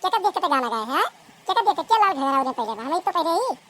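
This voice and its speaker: A woman with an Awadhi accent voicing a sharp-tongued young village woman in a cartoon comedy, bickering with pointed questions. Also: extremely high pitch, sing-song, racing, heavily acted.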